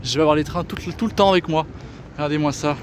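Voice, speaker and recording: A man's voice: fairly high pitch, fast. A man filming a casual travel vlog, chatty and enthusiastic with many fillers, tired and sore from walking, talking outdoors in a city and indoors in a hostel. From France. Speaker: travel vlogger. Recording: street noise behind a handheld camera.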